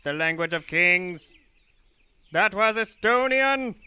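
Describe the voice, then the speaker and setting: A man's voice: high-pitched, animated, slow pace, bright, forceful tone, smooth, heavily acted. A man playing a pompous male interpreter in an amateur comedy audio drama, haughty and correcting. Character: pompous male interpreter Chrysanthemum, knower of places.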